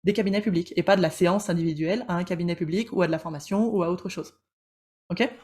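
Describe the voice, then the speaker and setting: Chatty woman coach, lowish voice. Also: fast, a little mellow. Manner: chatty, joking, addresses viewers by name. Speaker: coach and trainer hosting a live session. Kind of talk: casual live teaching with audience polls.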